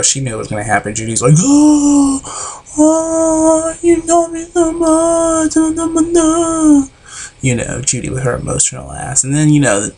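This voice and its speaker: A man's voice: mid-range voice, a little hiss or hum. A man giving a blunt, rambling, profane recap of a reality show episode.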